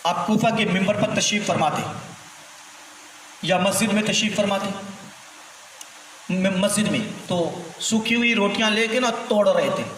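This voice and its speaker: A man preaching a sermon, telling stories in an animated way and acting out the dialogue. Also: high-pitched, pauses often. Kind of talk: sermon storytelling. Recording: echoey hall from far off, faint noise.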